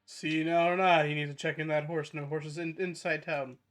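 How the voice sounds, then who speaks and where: A gruff, bossy town guard, as a man puts him on in a tabletop game, barking curt orders in a raised, higher voice. He sounds impatient and commanding. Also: little pitch movement, a little fast, a bit bright, no room sound, studio quality, natural voice. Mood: stern. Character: stern male town guard.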